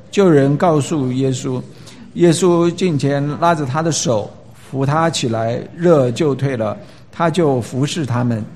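Guy preaching a sermon, kinda high voice, leans hard on words, lots of uh pauses. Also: a little mellow. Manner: emphatic, rising for stress, with frequent filler hesitations. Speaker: pastor. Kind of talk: sermon with scripture reading and prayer.

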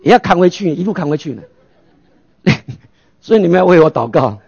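Gravelly high-voiced male pastor preaching. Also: animated, a little fast, darkish tone, highs cut off. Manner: rhetorical questions, answering himself. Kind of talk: sermon.

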